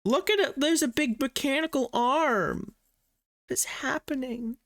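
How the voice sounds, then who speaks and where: A man's voice: extremely high pitch, unhurried, gravelly, fairly bright tone. A man giving casual video game commentary, musing aloud and swearing now and then. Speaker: let's player.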